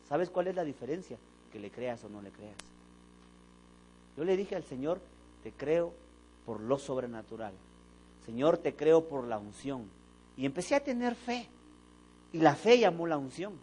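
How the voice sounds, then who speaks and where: A man's voice: fairly high pitch, slight background noise, rough recording. A man preaching a sermon in a church, telling stories and acting out the dialogue. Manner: animated storytelling, acting out dialogue. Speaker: pastor. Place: church sanctuary.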